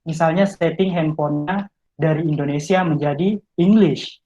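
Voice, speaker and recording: A man's voice: fairly high pitch, moderate pace, mellow, low-quality recording. A male English tutor giving study tips in an online talk, explaining step by step and speaking straight to his listeners. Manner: explanatory, addresses listeners directly. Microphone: video call.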